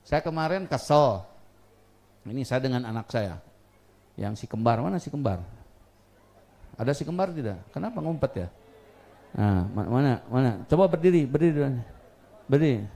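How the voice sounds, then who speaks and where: A man preaching a sermon to a live audience, telling animated stories with a touch of humor. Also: mid-range voice. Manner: lively, animated storytelling with acted quotes and humor. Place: lecture hall with audience.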